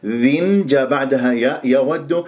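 A middle-aged man teaching Quran recitation rules, explaining quickly and then reciting words slowly as models. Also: mid-range voice, darkish tone. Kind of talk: tajweed pronunciation lesson.

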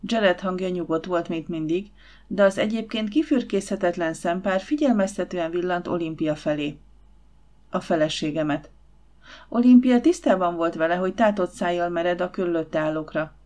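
A woman's voice: fairly low pitch, darkish tone. Woman narrating an audiobook. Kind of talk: scripted narration.

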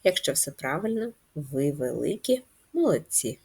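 A woman teaching a first-grade reading lesson, speaking patiently and clearly and stretching words into syllables. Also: low-pitched, sing-song, a little slow, warm tone. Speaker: primary school teacher.

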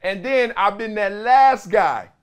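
A man's voice: high voice, takes it slowly, clean tone. A middle-aged man hosting sports commentary, telling stories and acting out quotes with big gestures in a small studio. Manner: storytelling, acts out quotes, gestures broadly.

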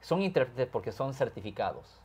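This California man, a criminal lawyer, talks through legal matters conversationally and at great length, switching into English words within his Spanish. His mid-range, darkish voice is very animated and slightly rough, at a moderate pace.

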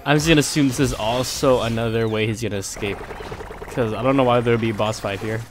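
A young man with a stuffy nose from being sick, quietly commenting on his own gameplay in slangy, casual talk under his breath. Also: medium pitch, steady tone, fast, slight background noise. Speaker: gameplay streamer. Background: game music.

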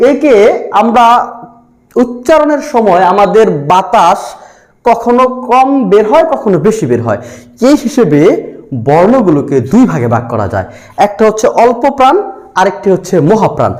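A man with a high-pitched voice delivers a grammar lesson as a teacher. He works through the material methodically, saying each sound on its own before explaining it. He speaks close to the microphone. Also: a little mellow. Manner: methodical, repeats letters one by one while explaining.

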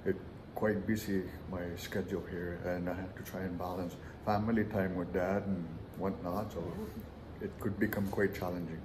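A man's voice: low voice, level tone, moderate pace, crowd noise. A man in his forties from Nunavut with an Inuit accent, answering interview questions conversationally. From Arviat, Nunavut, Canada. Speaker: mayor and interviewee. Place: indoor council chamber. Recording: roomy echo, background noise.

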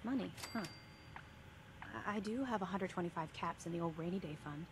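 A woman plays a worried secretary to a detective, loyal and weary. Her voice is on the low side, earnest and downcast, in game dialogue over clear noise. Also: fairly quick, close to an everyday voice. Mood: anxious, grateful. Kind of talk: dramatic video game dialogue.

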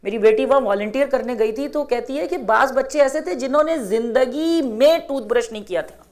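A woman's voice: sits high, a little mellow. A middle-aged woman giving an earnest religious talk to a women's gathering, exhorting and repeating phrases for emphasis.

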